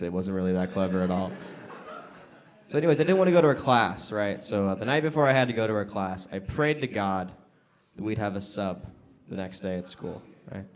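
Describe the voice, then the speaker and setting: An American man doing stand-up comedy with crowd work, talking conversationally to a club audience with pauses and emphatic punchlines. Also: deep voice, a little mellow. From Las Vegas, United States. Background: audience laughter.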